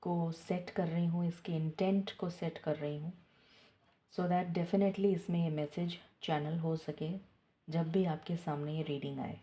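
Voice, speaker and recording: A woman, a tarot reader leading a slow prayer and reading, a little out of breath. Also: lowish voice, fairly even intonation. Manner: slow and soft, switching between Hindi and English.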